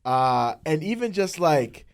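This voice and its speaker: Young guy on a podcast, kinda high voice, rambles excitedly with tons of likes and ums. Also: takes it slowly, smooth. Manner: rambling, excited, heavy on fillers. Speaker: podcast co-host. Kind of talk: casual chat.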